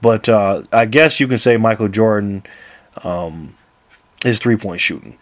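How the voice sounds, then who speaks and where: A man's voice: lowish voice, a little slow, no echo. A man in his thirties talking casually to camera about basketball, laughing often and rambling with restarts. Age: 30s. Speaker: basketball vlogger.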